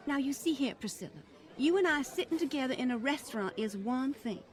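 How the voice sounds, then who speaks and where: A woman acts the part of a wealthy, genteel older grandmother in a high, fluttery voice, delivered in old-time radio drama style. Prim, condescending, and wrapped in affected politeness, she sounds flustered and disapproving, speaking briskly with lively intonation. A faint crowd can be heard.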